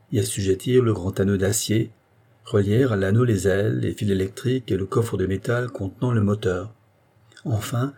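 A male narrator reads a novel aloud in a steady, expressive way. His voice sits low and sounds mellow and dark, with a husky grain. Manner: measured, expressive storytelling. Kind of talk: scripted audiobook narration.

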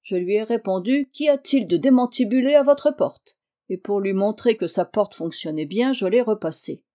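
A woman narrator plays a short, stout male reporter, indignant and flustered, his storybook lines raised and louder. The voice keeps a warm, mellow timbre. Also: mid-range voice, animated, moderate pace, lightly acted.

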